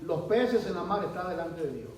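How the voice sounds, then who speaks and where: A pastor preaches a sermon in a church hall, posing rhetorical questions to his listeners and swinging dramatically in pitch and volume between soft and loud. His intonation is lively and his pace moderate. The echoey recording picks him up from far off over a faint hum.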